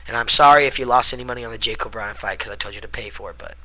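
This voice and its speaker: A man's voice: mid-range voice, racing, pushed and bright. A young man chatting casually and unscripted as a video blogger, wired on caffeine and rambling from one aside to the next. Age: young adult. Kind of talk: casual unscripted vlog chat.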